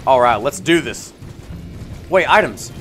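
A young man streaming a video game, hoarse from yelling all day, chatting to himself in slang and bursting into excited yells. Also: medium pitch, measured pace. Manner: slangy, says bro and dude. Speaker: gaming streamer. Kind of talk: casual live gameplay commentary. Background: game music.

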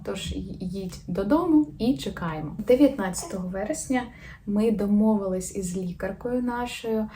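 A young woman from Ukraine tells her story in a casual, open vlog. Her voice is mellow and warm rather than bright. A faint hiss sits under the recording. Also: medium pitch. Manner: chatty and open, quick soft laughs. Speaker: vlogger, new mother.

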